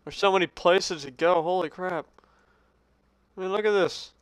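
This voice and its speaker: A man's voice: high-pitched, moderate pace, clean tone, no echo. Jokey young man narrating his gameplay. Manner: jokey, talks to the game, yelps when startled; drops to a hushed mutter when tense. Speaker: gaming channel host. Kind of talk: Minecraft let's play commentary.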